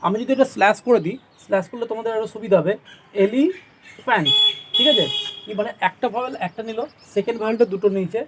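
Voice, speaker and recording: Fast-talking high-voiced male teacher. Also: slight background noise. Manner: encouraging, motivational asides; drawn-out modelling of English words. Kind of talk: grammar lesson.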